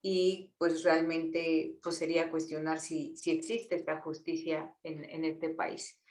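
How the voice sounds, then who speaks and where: A woman with a Mexican accent, an activist earnestly explaining things to students, often pausing with fillers and repeated words. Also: low voice, flat delivery, a little mellow, roomy sound. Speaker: guest speaker, feminist activist.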